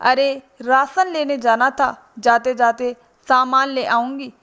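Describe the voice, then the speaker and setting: A woman's voice: high voice, fairly even intonation, takes it slowly, fairly bright tone. A woman voicing a harried, irritable elder daughter-in-law in a spoken storybook. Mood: defensive. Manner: irritable, defensive.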